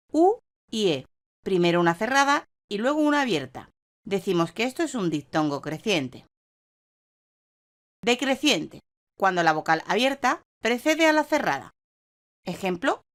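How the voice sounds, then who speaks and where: A woman with a Spanish accent narrates a scripted lesson. She speaks clearly and at a measured teaching pace. Her pitch moves a lot, rising and falling in a lively way. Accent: Spanish (Spain). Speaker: online course narrator.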